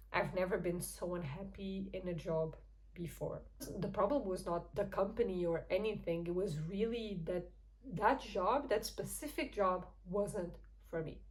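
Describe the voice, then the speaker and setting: A woman's voice: mid-range voice, poor audio. A young woman from Portugal with a Portuguese accent, speaking English as a second language, hosting her channel and telling a personal story in a chatty, candid way. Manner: chatty and candid, with frequent soft laughs. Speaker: YouTube channel host. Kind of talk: casual personal storytelling to camera.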